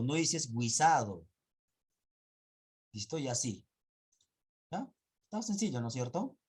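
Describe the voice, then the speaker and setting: Slow, husky-voiced male teacher. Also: mid-range voice, a little mellow. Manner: patient, repeats sounds and checks understanding with "¿ya?". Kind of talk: spelling and pronunciation class. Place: online class in 2021.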